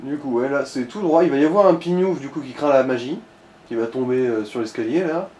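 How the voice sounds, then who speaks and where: A man co-commentating a video game gives the player informal, slangy step-by-step directions in casual gaming chat. His medium-pitched voice is brisk and mellow, and the recording has roomy echo and noticeable background noise.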